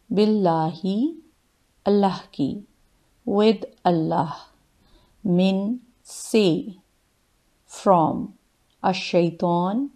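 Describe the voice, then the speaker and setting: A woman with a Pakistani Urdu accent, teaching Quran recitation and pronunciation with patient, drawn-out syllable drills. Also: mid-range voice, dark tone. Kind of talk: slow step-by-step pronunciation lesson.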